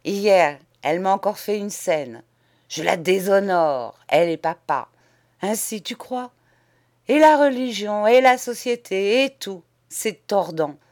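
A woman's voice: medium pitch, lively intonation, measured pace, a little mellow, close to an everyday voice. A woman voicing a cynical, spoiled young Parisian man with a drawling Paris accent, mocking and gleeful, in an audiobook. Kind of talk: audiobook character voice.

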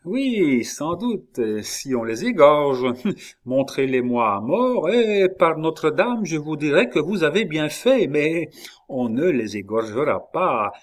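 A crafty, scornful old queen mother, voiced by a man reading aloud speaks cuttingly. When alarmed, her voice leaps up sharp and high. The reading moves slowly and deliberately, like a dramatized audiobook. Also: big pitch swings. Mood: scolding.

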